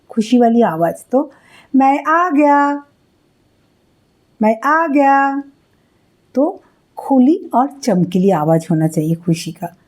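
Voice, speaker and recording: A woman's voice: a little high, warm tone, husky. A woman teaching singing, patiently explaining how to put emotion into the voice and demonstrating it aloud. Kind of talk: music lesson on expressing emotion.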